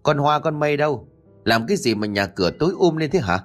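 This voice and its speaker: A man voicing a shrill, scolding middle-aged mistress who shrieks and nags. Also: sing-song, fast, soft background music. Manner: shrieking, nagging.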